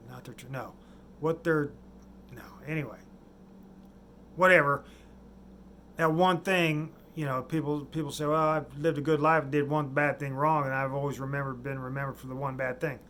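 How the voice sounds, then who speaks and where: A man rambles through a monologue, his voice sitting slightly high. He stops and restarts his sentences and lets his words trail off into mumbles. Faint background ambience runs under him. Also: a bit bright, a little hiss or hum. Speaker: vlogger.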